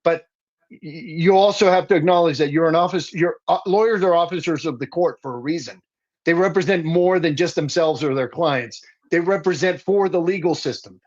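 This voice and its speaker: A man's voice: fairly high pitch, normal speed, darkish tone, highs cut off. A man raised in the Dominican Republic, a guest activist speaking passionately and insistently in a political talk. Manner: impassioned, insistent, building emphasis.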